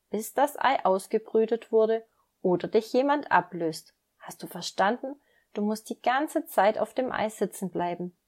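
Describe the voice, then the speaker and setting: Calm mother duck for an audio storybook, instructive and patient, voiced by a woman. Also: medium pitch.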